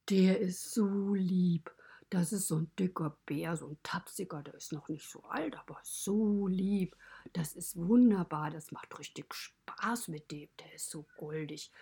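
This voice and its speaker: Lady doing a chatty stable animal telling kids stories, super breathy whisper, raspy. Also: lowish voice, a little mellow, exaggerated voice. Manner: mostly whispered, chatty and confiding. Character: friendly stable animal narrator, fond of children. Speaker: storyteller. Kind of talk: children's podcast storytelling.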